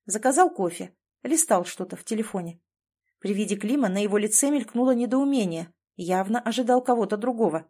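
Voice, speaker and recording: A woman narrating a story in an even, measured reading. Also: mid-range voice, slightly rough. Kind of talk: scripted narration.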